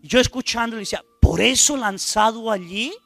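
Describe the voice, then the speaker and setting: Priest man preaching, high bright voice, acts out the quotes big, quiet music underneath. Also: a little fast, vocal fry. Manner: dramatic, acts out quoted speech loudly, asks the congregation rhetorical questions. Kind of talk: sermon retelling a testimony.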